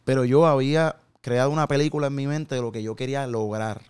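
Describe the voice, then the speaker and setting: A man in his thirties gives a heartfelt testimony in an interview. His voice is smooth and clear, at an ordinary pitch, and he acts out the conversations he remembers with slangy asides. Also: steady tone, fast, a little mellow. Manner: earnest storytelling with quoted dialogue, slangy asides.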